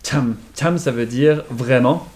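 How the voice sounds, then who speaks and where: A man's voice: medium pitch, lively intonation, normal speed, a little mellow. Man, patient explainer, casual lesson pace, demonstrates sounds. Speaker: accent teacher.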